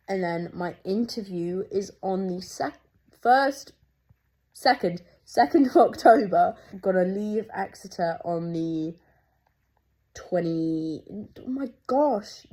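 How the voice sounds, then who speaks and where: Chatty excitable young woman vlogger. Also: fairly low pitch, poor audio. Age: young adult. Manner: chatty, excitable, rambling with many fillers. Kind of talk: casual video diary.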